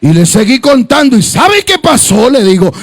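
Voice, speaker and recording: A male pastor preaching a sermon, telling stories in quoted dialogue and rising into shouted, singsong fervor. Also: extremely high pitch, big pitch swings, moderate pace.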